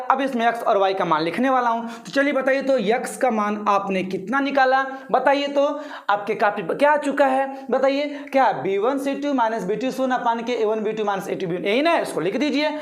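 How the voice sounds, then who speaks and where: A man's voice: very high-pitched, fairly bright tone. A man teaching a math lesson online, reassuring his pupils and keeping them engaged with repeated questions. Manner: repeats steps slowly for pupils to say along.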